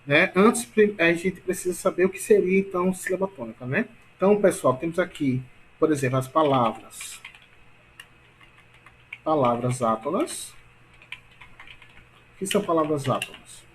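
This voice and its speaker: Higher-voiced man teaching a grammar lesson. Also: a little hiss or hum. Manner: repetitive, filler-heavy explaining with frequent tag questions; stretches key words slowly for emphasis.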